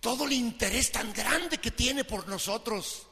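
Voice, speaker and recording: Pastor, man, high bright voice, impassioned sermon, long hall echo. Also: unhurried, creaky. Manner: impassioned preaching, swinging from soft to shouted pleading.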